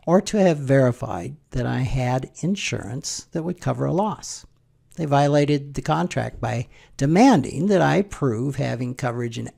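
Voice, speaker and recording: A middle-aged American man tells a personal story in a relaxed, wry commentary style. His voice has a gravelly edge and sits at an ordinary mid pitch. He clears his throat now and then. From United States. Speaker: financial planner.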